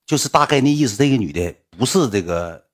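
A man's voice: mid-range voice, lively intonation, quick pace. A man telling a story in casual, blunt speech, swearing often and filling it with sound words.

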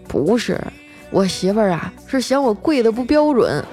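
A woman's voice: a little high, big pitch swings, normal speed, warm tone, soft background music, pitched above the performer's own voice. A woman voicing a married man who wryly jokes about his wife and mother-in-law. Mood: rueful. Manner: sighing, storytelling tone. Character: boastful married man, wry and rueful.

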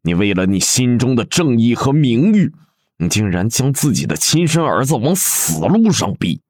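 A man's voice: low voice, animated, a little slow, no echo, studio quality, full character voice. A man voicing a cold, ruthless prince who speaks with sneering contempt in a fan audio drama. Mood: scornful.

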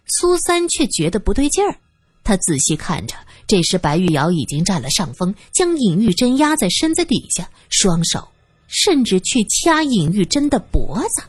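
A woman's voice: medium pitch, big pitch swings, moderate pace, breathy edge, dry recording. A woman narrating a story, reading expressively and acting out the scenes. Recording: dry close voice with faint music.

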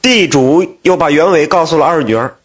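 A man narrating a folk tale in a lively, folksy manner. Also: a little high, normal speed, slightly rough. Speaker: storyteller.

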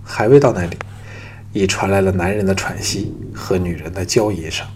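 A man narrating an audiobook in a steady storytelling manner. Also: low voice, normal speed, soft background music.

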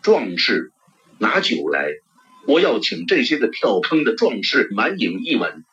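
A man voicing a bold, hearty male army officer who speaks loudly and commandingly, on a dull lo-fi recording. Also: fairly low pitch, big pitch swings, a little slow, soft background music, voice pushed down. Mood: admiring. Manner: loud, praising, commanding.

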